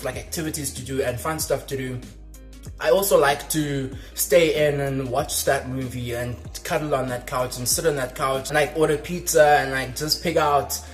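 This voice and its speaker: A young man chatting casually on his vlog, rambling with lots of fillers while he eats. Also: mid-range voice. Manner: talking while eating. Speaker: vlogger. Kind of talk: casual mukbang chat.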